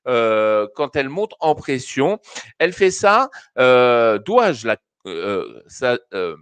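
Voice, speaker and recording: Homme hésitant, voix sèche et proche. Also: male voice, mid-range voice, big pitch swings, takes it slowly, fairly bright tone, clean tone, dry recording. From France. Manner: hesitant, many fillers and restarts, addresses callers familiarly. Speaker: dog behaviour trainer hosting a live call-in show. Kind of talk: live-stream Q&A, casual advice.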